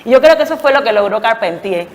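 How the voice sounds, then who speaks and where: A woman giving a reflective academic talk, explaining deliberately and emphatically with searching pauses. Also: a little high, expressive. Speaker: academic lecturer. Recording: long echoing hall reverb.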